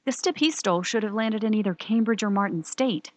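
A woman's voice: mid-range voice, fairly quick, no echo, natural voice. A woman playing an earnest, questioning rookie time-travel agent in an audio drama.

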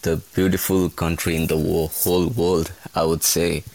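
A young man from Nepal, a kitchen hand answering interview questions in a halting way, often restarting his words. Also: low-pitched, little pitch movement, vocal fry, darkish tone. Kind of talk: casual interview.

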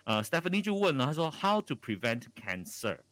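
A man's voice: on the high side, very animated, fairly quick, fairly bright tone, no echo. A man with a Malaysian Chinese accent hosting a live radio chat, casual and a bit hesitant in his phrasing as he switches between languages. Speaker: radio host.

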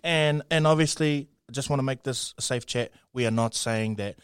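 New Zealand man, mid-pitched radio co-host. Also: normal speed, clean tone, no echo, clean studio sound. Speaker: radio morning show co-host. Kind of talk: casual, jokey radio chat.

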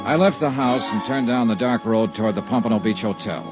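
A man's voice: lowish voice, a little fast, loud music behind the voice, lightly acted. An actor playing a blunt, world-weary male insurance investigator in an old radio drama, narrating in clipped, sardonic tones. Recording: dull lo-fi old radio broadcast.

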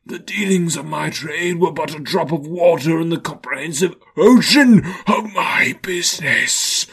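Marley's wailing chained ghost. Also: male voice, a little high, expressive, gravelly, a bit bright, slightly rough, pitched above the performer's own voice, full character voice. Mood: lamenting. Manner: slow anguished wailing declamation.

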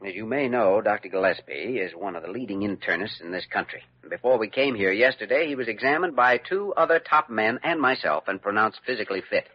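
Kildare, an earnest young doctor. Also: male voice, on the low side, brisk, few pauses, no room sound. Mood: firm. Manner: polite, steady. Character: earnest young male doctor, calm and principled. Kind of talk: 1950s radio drama acting. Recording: dull old radio broadcast recording.

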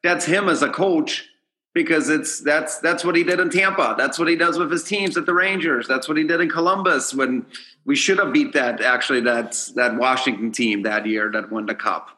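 A bright, forceful-toned man from Austria whose first language is German. He is a former hockey player talking casually as a podcast guest, thinking aloud and circling back on his words. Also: fairly high pitch, moderate pace. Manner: loose, repeats and restarts words while thinking aloud. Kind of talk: casual chat.

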